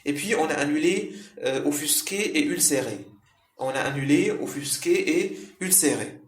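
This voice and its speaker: Guy teaching french words, kinda high voice, repeats everything w lots of "hein", echoey room. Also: animated. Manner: slow, repetitive explaining with frequent "hein" and "euh". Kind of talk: explaining vocabulary to learners.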